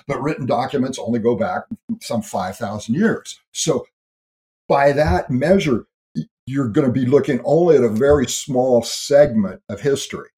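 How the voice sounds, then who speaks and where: This is an interview conversation in which a male guest speaker on history and ancestry works through big ideas in an earnest, thoughtful way, restarting himself now and then. His voice is medium-pitched and warm.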